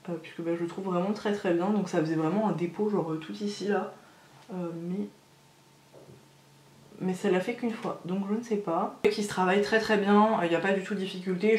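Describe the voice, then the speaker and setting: A woman with a medium-pitched, darkish voice talks through a makeup tutorial, chatty and effusive about each product. Her speech is full of fillers and hesitations, and the audio sounds roomy.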